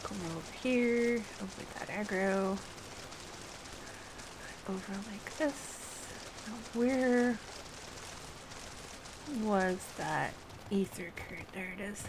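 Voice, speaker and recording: A woman with a medium-pitched voice hosts a casual game livestream, taking her time and pausing often as she chats. She's giggly and playful, making light fun of herself, and there's background noise behind her.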